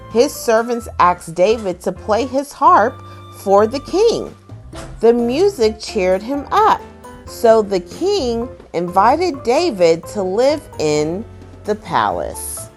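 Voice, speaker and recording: With music in the background, a thirty-something woman reads bedtime stories to young children as host of her series. Her sing-song voice is a little high, and she phrases everything in a deliberate, exaggerated way.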